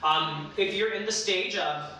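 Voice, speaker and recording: A man working as a hairstylist, giving casual advice in an expressive, encouraging way, speaking straight to the listener. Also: high-pitched, measured pace. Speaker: hairstylist and show panelist. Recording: very echoey room, distant mic, faint noise.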